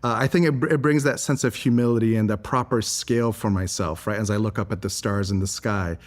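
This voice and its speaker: Speaking fairly quickly in a lowish voice, a Singaporean man appears as an interview guest and environmental advocate. His answers are earnest, thoughtful and well articulated.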